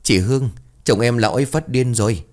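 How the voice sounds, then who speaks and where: A man's voice: mid-range voice, brisk, a little mellow, voice pushed up, natural voice. A man reading the lines of an irritated and frightened middle-aged village wife who nags and pleads. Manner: nagging, then pleading.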